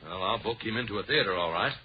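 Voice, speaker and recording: An actor playing a pompous, snooty rich playboy in 1940s radio comedy, with affected, stammering flourishes. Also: male voice, lowish voice, animated, fast talker, close to an everyday voice. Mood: scheming, vengeful. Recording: muffled old radio recording, faint noise.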